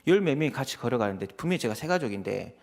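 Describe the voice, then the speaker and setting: A male pastor delivers a conversational sermon full of personal anecdotes, speaking fast and chattily. His pitch swings widely as he animatedly tells stories and acts out both sides of small exchanges, and his tone often sinks into a creaky, gravelly edge.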